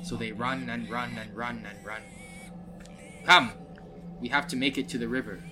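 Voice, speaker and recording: A man's voice: mid-range voice, fairly even intonation, music in the background, natural voice. A man playing a grumbling dwarf guide. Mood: gruff warning. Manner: slow grumbling lecture.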